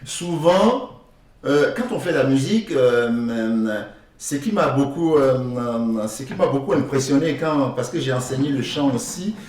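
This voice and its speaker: A man leading a children's drum workshop, explaining slowly with many fillers and restarts. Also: medium pitch, lively intonation. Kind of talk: teaching music to children. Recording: echoey room, far mic, loud drums.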